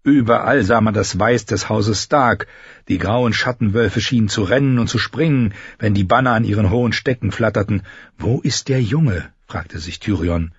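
Husky-voiced man narrating a fantasy audiobook. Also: fairly low pitch, normal speed, no room sound. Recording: slightly dull lo-fi dry recording.

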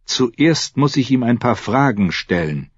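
A man voicing a young male commander who speaks in a measured, curt, restrained way. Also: medium pitch, very animated, slightly rough, dry recording, pitched above the performer's own voice. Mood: cool curt. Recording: dull lo-fi audiobook recording.

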